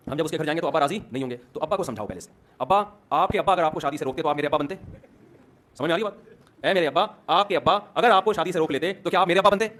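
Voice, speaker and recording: A man preaching a sermon to young men, lively and asking the crowd questions that he then answers himself. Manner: acts out short quoted dialogues in a lowered voice. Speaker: Islamic preacher.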